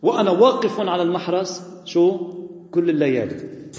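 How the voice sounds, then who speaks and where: Fast-talking Lebanese priest preaching. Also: male voice, sits high. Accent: Lebanese Arabic. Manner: animated preaching, rhetorical questions, quoting scripture. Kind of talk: sermon. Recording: echoey hall.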